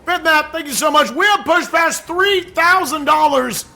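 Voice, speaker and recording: A man hosting a charity livestream, excitable, reading donations aloud and reacting loudly. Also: very high voice, moderate pace, vocal fry. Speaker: charity stream host. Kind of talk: casual livestream chat.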